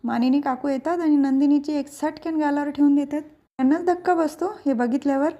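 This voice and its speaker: A woman narrating an episode recap of a TV family serial, retelling it lively and voicing the characters' quoted lines. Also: high voice, brisk, dull audio.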